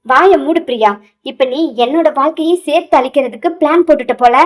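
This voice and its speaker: A woman's voice: high-pitched, a little fast, close to an everyday voice. A woman voicing an angry young man who scolds bluntly, in an audio novel. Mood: stern, scolding.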